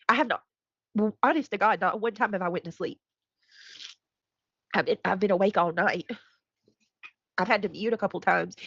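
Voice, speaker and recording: A woman's voice: fairly low pitch, vocal fry, fairly bright tone, no echo. An overwhelmed, upset woman chatting casually and confessionally on a live stream, with a stuffed-up nose. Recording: slightly dull, dry audio.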